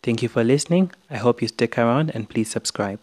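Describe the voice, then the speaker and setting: A young Zambian man talks through his opinion podcast at a middle pitch, earnest and frank, as if reading from his own script. His Zambian English accent is clear, and faint music plays under his voice. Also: expressive, fairly quick. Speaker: podcast host.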